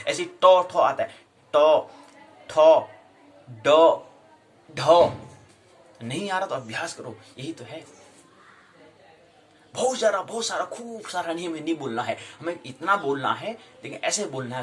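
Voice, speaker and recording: A man teaching a Sanskrit grammar lesson, explaining and drilling sounds slowly and repeating them for practice. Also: fairly high pitch, a bit bright, a little hiss or hum. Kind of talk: classroom lecture.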